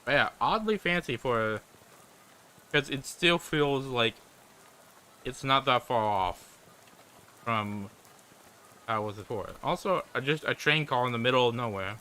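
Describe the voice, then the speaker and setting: A man's voice: mid-range voice, lively intonation, measured pace, pauses often, sharp tone, slight background noise. A man giving casual let's-play commentary, musing aloud and trailing off as he thinks. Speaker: gameplay commentator.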